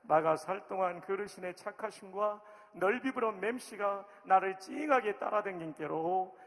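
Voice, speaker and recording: A man's voice: high-pitched, moderate pace, fairly bright tone, voice pushed up. A man putting on a thick Jeolla dialect to recite a psalm as an exuberant local man, drawing out his exclamations in a sing-song way. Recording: long hall reverb.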